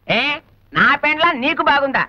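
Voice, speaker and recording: A gruff, jealous Malayali husband in his forties who suspects everyone. His voice runs high and his phrasing comes out oddly. The dry, dull sound is that of an old comedy film. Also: sing-song, normal speed, pushed and bright, no room sound, full character voice. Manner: gruff and suspicious, with odd word choices.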